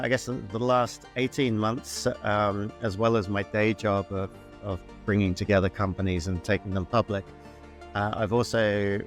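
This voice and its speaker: A low-pitched man in his forties tells his story in a relaxed, self-deprecating way, stumbling over restarts and fillers. Soft music plays faintly underneath him. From born in New Zealand, grew up in the UK. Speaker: guest entrepreneur. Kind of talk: conversational interview answer.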